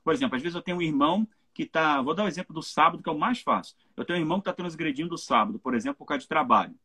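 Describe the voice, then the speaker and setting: With a fairly high, husky voice that is pushed and bright, a Brazilian pastor talks rapid-fire in a Brazilian Portuguese accent. His live-streamed Bible teaching is informal, and he keeps checking in with his listeners via tag questions.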